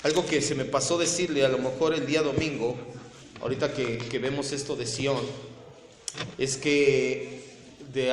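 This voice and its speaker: A man preaching a sermon as pastor, chatty with joking asides, then loudly emphatic when reading scripture. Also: fairly high pitch. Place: church sanctuary. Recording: echoey church hall, faint noise.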